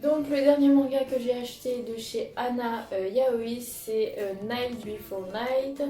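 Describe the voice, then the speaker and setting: A woman's voice: a little high, steady tone, measured pace, dark tone. A young woman chatting casually about her manga purchases, hesitant and full of fillers and restarts. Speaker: manga vlogger. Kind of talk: casual chat showing purchases. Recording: echoey room with music behind.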